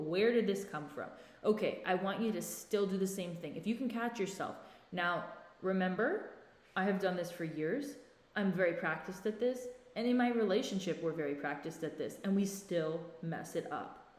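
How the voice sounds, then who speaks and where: A woman's voice: mid-range voice, a little mellow, roomy sound, big-room sound. A woman hosting a self-help podcast, talking directly to listeners and coaching them, often checking in with "right?" and "okay?". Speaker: podcast host.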